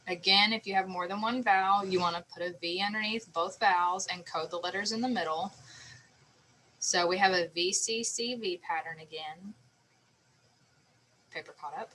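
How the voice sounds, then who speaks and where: A woman's voice: lowish voice, bright, forceful tone, slight background noise, low-quality recording. A woman teacher explaining a phonics lesson patiently, sounding out letters and syllables step by step.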